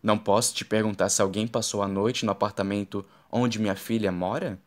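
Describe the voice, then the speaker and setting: A man's voice: lowish voice, steady tone, brisk, lightly acted. A man voicing a jealous, accusing ex-husband in an audiobook, reading his lines in his own plain voice.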